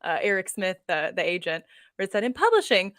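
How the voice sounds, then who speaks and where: A woman with a mid-range voice hosts a relaxed author interview. She is chatty, casual and easily amused as she talks. The sound is dry, with very little room in it. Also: medium pitch, fairly quick, no echo. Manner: chatty, laughs easily while talking. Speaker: livestream host and fellow author.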